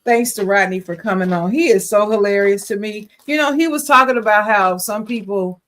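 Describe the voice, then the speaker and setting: A woman's voice: medium pitch, brisk, a bit bright. A woman co-hosting a podcast in casual chat, frank and opinionated, laughing easily. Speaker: podcast co-host.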